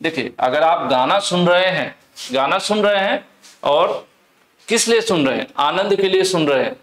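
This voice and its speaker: A young man teaching an exam-prep lesson, explaining slowly, repeating key words and reading English questions aloud. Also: high-pitched, lively intonation, fairly bright tone. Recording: echoey room.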